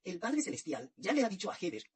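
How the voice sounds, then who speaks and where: A woman narrating a spiritual dream story in a measured way, often repeating her phrases. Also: mid-range voice, big pitch swings, darkish tone, breathy edge. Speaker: religious narrator.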